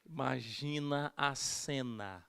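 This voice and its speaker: A man's voice: mid-range voice, slow pace, vocal fry, pushed and bright, clean tone, no echo. A male pastor preaching a sermon, telling a story with humor and acting out quoted voices. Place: church.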